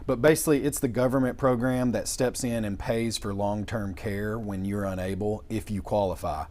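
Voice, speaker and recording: A man's voice: lowish voice, fairly even intonation, normal speed, a little mellow, slight background noise. A young man, explaining things as a lawyer in an interview with folksy, informal phrasing. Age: young adult. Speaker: estate planning lawyer. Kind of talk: interview answers in plain explanatory talk.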